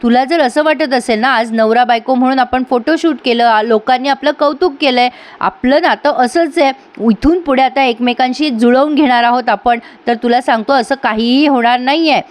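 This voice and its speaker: A woman's voice: high-pitched, moderate pace, lightly acted. A woman reading the lines of a proud, irritable young husband in a serial recap, stiff and irritated.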